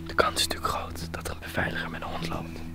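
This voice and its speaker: Young man whispering, uneasy. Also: fast. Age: 20s. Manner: whispering while hiding, uneasy. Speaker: vlogger. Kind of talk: hushed exploration vlog. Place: abandoned building and nearby woods. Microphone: handheld camera at arm's length. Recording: music under whispered speech.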